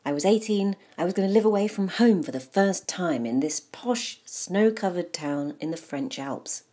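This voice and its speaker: Woman, low voice, memoir narration, wry and self-deprecating. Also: lively intonation, moderate pace, mellow. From England.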